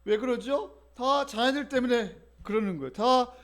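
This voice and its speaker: A man's voice: very high-pitched, normal speed, a bit bright. A middle-aged man preaching a sermon as pastor, in a conversational way that keeps drawing the congregation in with questions. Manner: conversational, often asks the congregation for responses.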